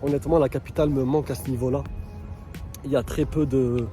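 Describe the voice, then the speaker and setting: A man from France chatting casually in a travel vlog while walking around a city, often pausing on "euh" and restarting his sentences. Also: medium pitch, faint music behind. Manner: chatty, relaxed, frequent fillers and restarts. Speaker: vlogger. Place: outdoors in a city. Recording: loud street noise behind.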